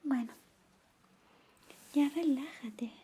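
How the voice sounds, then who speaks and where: A woman plays a flirty best friend in a Spanish ASMR roleplay, her high voice alternating between breathy whispers and soft speech. She stretches out her words, coaxing and intimate, lingering over each moment of whispered personal attention with affection.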